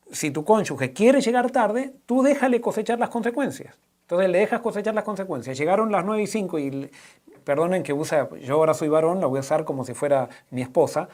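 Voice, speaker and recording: A male pastor, answering a question in a conversational sermon, often pausing and restarting as he works through everyday examples. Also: high-pitched, darkish tone. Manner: halting, with many restarts and fillers, giving everyday examples.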